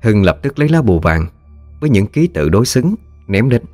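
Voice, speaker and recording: A man narrating a ghost story in a lively, colloquial way. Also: lowish voice, a little fast, no room sound, soft background music.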